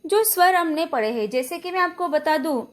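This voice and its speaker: A woman's voice: extremely high pitch, animated, normal speed. A woman teacher from India giving a recorded Hindi lesson, patiently explaining verse meter and stretching out syllables as she demonstrates. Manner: checks in with frequent "है ना?". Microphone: phone or app voice recorder.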